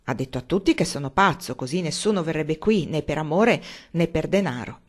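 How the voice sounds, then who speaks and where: A woman reading aloud as a loud, gruff, hard-drinking old man who blusters and scoffs. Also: animated, fairly quick. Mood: blustering. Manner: booming and blustering.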